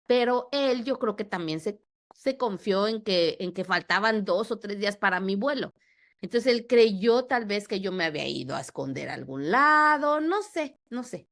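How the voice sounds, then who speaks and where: A woman in her thirties or forties with a Mexican accent, a podcast guest telling a personal story in a lively way that acts out the dialogue. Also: medium pitch. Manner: animated, acts out dialogue with repetitions.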